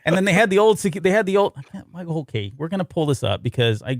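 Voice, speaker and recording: A man's voice: a little high, sing-song, rapid-fire, a little hiss or hum. A man co-hosting a podcast, chatting casually about a novel, laughing often and rambling through memories. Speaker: podcast co-host.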